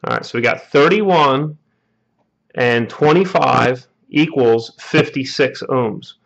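A man's voice: mid-range voice, takes it slowly, creaky, a bit bright, dull audio. A man, an HVAC technician, walking through a repair step by step at a workshop bench, often checking in with "all right?" and "okay?". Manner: explanatory, peppers lines with "all right?" and "okay?". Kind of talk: hands-on repair tutorial.

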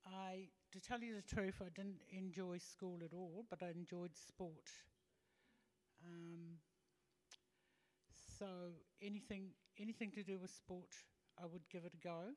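A woman in her fifties from Tonga, talking as a guest in an on-stage interview, halting and full of fillers, holding a handheld mic. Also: lowish voice, steady tone, darkish tone. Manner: hesitant, halting with many fillers. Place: large hall with stage and audience. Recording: long hall reverb.

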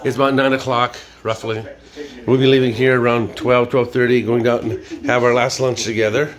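A man's voice: medium pitch, level tone, normal speed. An older man vlogging in a casual, rambling way, full of ums and restarts. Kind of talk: casual video diary chat. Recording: busy crowd noise behind.

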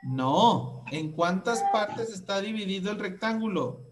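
A woman's voice: medium pitch, expressive, unhurried, noisy background. A Mexican woman teaching a math lesson to young children, asking questions patiently.

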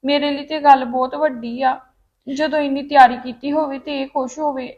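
Tearful younger sister, woman actor, Punjabi accent, high-pitched. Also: fairly even intonation, normal speed, a little mellow, lo-fi sound, natural voice. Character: young woman upset after failing a test. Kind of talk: Punjabi family drama acting.

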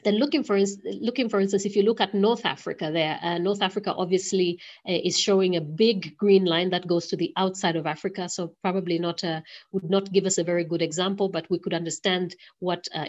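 A woman's voice: on the low side, fairly even intonation, brisk, a little mellow. Hesitant woman lecturing over a dull call. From Zambia. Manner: hesitant, many fillers and restarts. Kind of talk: online lecture. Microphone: video call. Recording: lo-fi video call audio.

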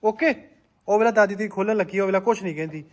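A woman's voice: medium pitch, fast talker. A woman vlogger chatting casually, coaxing and repeating herself and laughing often. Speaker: family vlogger. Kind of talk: casual family vlog chat.

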